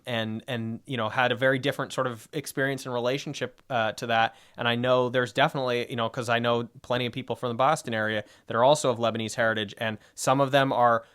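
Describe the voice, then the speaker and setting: A man with a smooth, resonant voice at an ordinary middle pitch co-hosts a history discussion podcast. He rambles casually, piling up fillers and restarting his sentences as he thinks aloud. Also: a bit bright. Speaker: podcast co-host.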